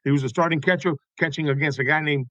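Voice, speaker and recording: A man in his sixties from Tampa, a guest telling stories in an interview, animated and often tagging his points with "okay?". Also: fairly high pitch, quick pace, no echo, lo-fi sound. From Tampa, Florida. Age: 60s. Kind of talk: conversational interview storytelling.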